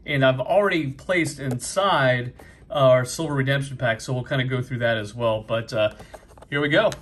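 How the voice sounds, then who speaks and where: A middle-aged man with a New England accent talks casually and upbeat, peppering his speech with fillers. His voice sits at an ordinary pitch. A faint murmur of a convention hall sits behind him. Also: moderate pace, fairly bright tone, slight background noise. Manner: chatty, many fillers, upbeat. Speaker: card collecting vlogger. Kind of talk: casual pack-opening commentary.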